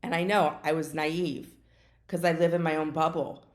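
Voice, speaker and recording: A woman's voice: low voice, little pitch movement, moderate pace. An American woman hosting her own podcast, chatting casually and now and then getting tongue-tied and correcting herself. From United States. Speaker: podcast host. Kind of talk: casual solo podcast talk. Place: home in Florida. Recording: echoey room.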